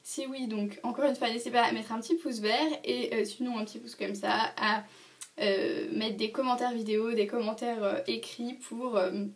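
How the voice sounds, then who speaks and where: A woman's voice: a little high, fairly even intonation, moderate pace, distant mic. A young woman vlogger reviewing her favourite beauty products in casual, hesitant talk full of fillers and restarts.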